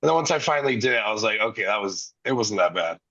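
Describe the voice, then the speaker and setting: A male podcast co-host with a bright, husky voice, asking brief questions and nodding along in a casual chat. The sound is dull and lo-fi. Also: on the low side, lively intonation, rapid-fire. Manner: asks short questions, many brief acknowledgements.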